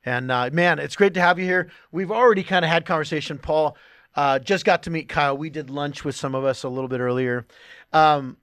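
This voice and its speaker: A man's voice: fairly high pitch, fairly quick, a bit bright. Chatty upbeat male podcast host. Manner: upbeat, chatty, laughs often. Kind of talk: casual podcast chat. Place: studio room with others.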